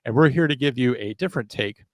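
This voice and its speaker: A man's voice: mid-range voice, fast talker, no echo. Sarcastic rambling male podcast host. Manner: sarcastic, rambling, self-deprecating. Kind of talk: casual podcast chat.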